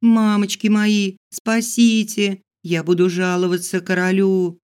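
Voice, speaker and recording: A terrified young heroine shrieks and begs for her life, voiced by a man reading an audiobook. The voice climbs high and strains with panic, yet stays smooth and clean. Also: flat delivery, a little slow, close to an everyday voice. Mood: panicked. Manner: shrill panicked shouting and pleading. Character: frightened young woman heroine, bound and desperate. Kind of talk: audiobook character voice.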